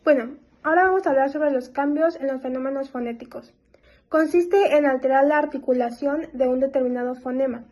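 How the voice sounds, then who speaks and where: A woman giving a class presentation, pausing with frequent fillers between phrases. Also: sits high, a little mellow. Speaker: student presenter.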